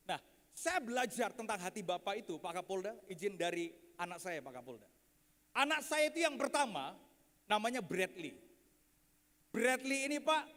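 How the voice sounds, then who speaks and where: A man in his thirties preaches with animated humor, telling family stories and calling out to the audience. His voice sits very high for a man. A long reverb from a large hall trails every phrase. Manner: animated and joking, addressing the audience as sir. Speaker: pastor. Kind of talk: lively sermon with storytelling. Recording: echoey hall.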